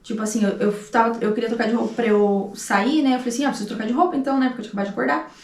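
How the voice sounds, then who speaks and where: Gravelly Brazilian woman in an echoey room. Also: on the high side, steady tone, racing, darkish tone. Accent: Brazilian Portuguese. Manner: emotional, acts out dialogue in her telling. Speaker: vlogger. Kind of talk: personal storytelling. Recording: echoey room, distant mic.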